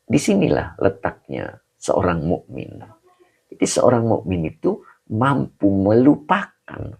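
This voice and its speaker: A man's voice: on the low side, vocal fry, warm tone, husky. A man gives a casual livestream sermon, greeting viewers by name and asking rhetorical questions. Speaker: Islamic preacher reading viewer comments.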